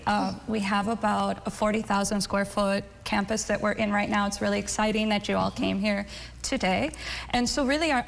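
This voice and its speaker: A woman's voice: mid-range voice, creaky. A woman leading a medical school, answering interview questions in an upbeat, proud way with light laughs. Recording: roomy hall echo, faint background noise.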